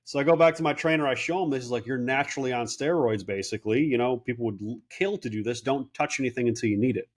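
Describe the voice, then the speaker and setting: Guest, man, late 30s, casual and animated, mid-pitch, acts out quotes. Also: fast talker, hardly any pauses. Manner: animated storyteller, quotes people in voices. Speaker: guest, clinic owner. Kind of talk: casual interview talk.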